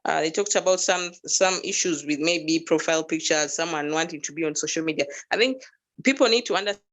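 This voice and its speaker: A woman speaking on a call with a choppy, breaking-up network line, talking in a halting way as she searches for words. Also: sits low. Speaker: panelist on a call-in discussion. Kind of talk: casual discussion over a call.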